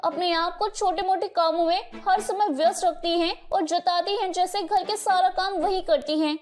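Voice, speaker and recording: A woman's voice: very high voice, fairly even intonation, normal speed, voice pushed up. Woman doing a spiteful taunting sister-in-law. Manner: taunting, sharp and complaining.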